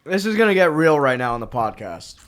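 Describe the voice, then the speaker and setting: A man's voice: a little high, fairly quick, clear, resonant tone. Tipsy young man telling a story. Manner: animated storyteller, swears a lot. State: tipsy, slurring a little. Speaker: podcast co-host. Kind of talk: drunk casual chat. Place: small home room, in doors.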